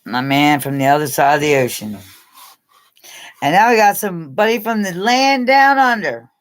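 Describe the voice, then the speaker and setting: Her pitch sits on the low side with a sing-song lilt at a moderate pace. She's a middle-aged American woman hosting a livestream, rambling, giggly and chatty, laughing often and calling out viewers by name as she casually talks with them.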